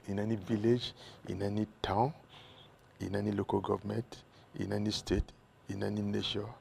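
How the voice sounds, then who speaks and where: A man with a Nigerian accent, a doctor answering interview questions in a measured way that lists examples one by one. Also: on the low side, level tone, vocal fry, a little mellow, slight background noise. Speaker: doctor, consultant guest.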